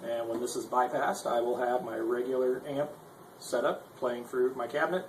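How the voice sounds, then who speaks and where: In an echoey room with faint noise, a guitar tutorial presenter gives an unscripted gear demo, rambling along in a self-deprecating, conversational way. His voice is medium in pitch, steady, and at a normal speed.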